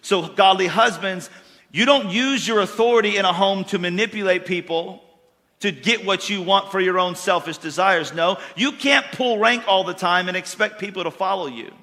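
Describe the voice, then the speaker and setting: In a church hall thick with long reverb, a male pastor preaches a sermon at a moderate pace. His manner is folksy and insistent, pressing each point and swelling into loud outbursts, and his tone is bright and a touch high.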